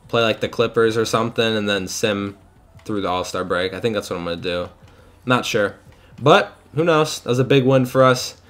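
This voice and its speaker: Excitable young man commentating his game. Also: medium pitch. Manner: excitable, swears often, yells at the game. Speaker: gaming channel host. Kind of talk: live gameplay commentary.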